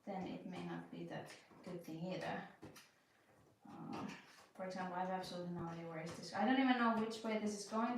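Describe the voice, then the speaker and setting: A young woman hosting a puzzling channel, thinking aloud while she works, talking slowly with many fillers and restarts. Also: medium pitch, distant mic. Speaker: speed puzzling channel host. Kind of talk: casual commentary while puzzling. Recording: very echoey room, voice off-mic, faint noise.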